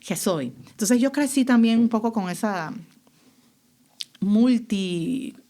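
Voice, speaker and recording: A woman, a guest artist talking reflectively and pausing often to find her words. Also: on the high side, expressive, warm tone. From Panama. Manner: reflective, searching for words, many fillers. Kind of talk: casual conversation.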